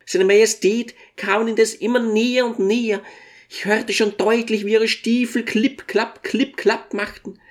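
An audiobook reader gives voice to a tiny old dwarf, humble and devoted, who recounts his memories with quiet courtesy. The delivery is gentle and deferential at a middling pitch, with a steady tone and a natural voice. The pacing is unhurried, like storybook narration.

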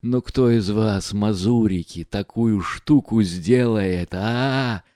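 A rowdy, rough young merchant, drunk on triumph and hollering at the crowd, as a male narrator puts him on. His voice is low and dark, slightly off-mic, with a dry sound. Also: takes it slowly, dry recording. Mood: exultant. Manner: loud, exultant shouting.

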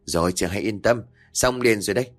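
A man's voice: fairly low pitch, a little fast, natural voice. A man voicing an easygoing village gambler who talks in a casual, coaxing way.

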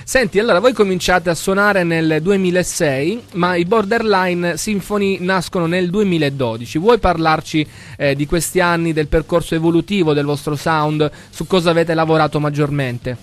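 A man's voice: a little high, steady tone, moderate pace, hardly any pauses. A man hosting a live radio interview, polite and encouraging with the guest. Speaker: radio host.

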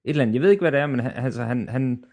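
A man's voice: medium pitch, vocal fry, darkish tone. A man co-hosting a podcast in casual film chat, who searches for words and restarts his sentences often. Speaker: podcast co-host.

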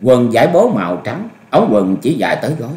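A man voicing a restrained young male swordsman who answers slowly and quietly. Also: medium pitch. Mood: calm. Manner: slow, quiet, even replies. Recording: echoey room.

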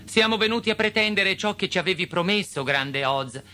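A determined young girl, as a male storyteller puts her on, firm and earnest, in a voice lifted a little higher and brighter than his own. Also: lively intonation, a little fast.

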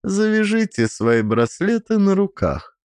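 A man voicing a calm, mocking woman mentor who speaks slowly and with a superior air, in an audiobook. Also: high voice, no room sound, voice pushed up. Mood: satisfied.

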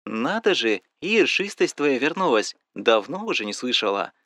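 A man's voice: mid-range voice, sing-song, normal speed, a bit bright, dry recording, clean studio sound. A man voicing a worried, nosy middle-aged mother in audiobook dialogue, fussing and asking question after question. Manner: fussy, coaxing, keeps asking questions.

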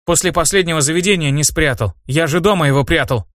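A man's voice: quick pace, fairly bright tone, no room sound, natural voice. A stubborn, hot-headed teenage boy from a storybook, talking back in a defensive, sulky way with his voice lifted well above a grown man's usual register, as a man narrating the tale puts him on. The sound is dry and close, with no room around it. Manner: defensive, sulky, raised pitch.

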